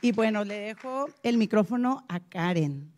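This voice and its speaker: A woman's voice: mid-range voice, animated, unhurried, a little mellow, slight background noise. Direct, encouraging woman. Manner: direct, encouraging, many fillers. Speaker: speaker at a women's church series. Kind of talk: casual devotional talk.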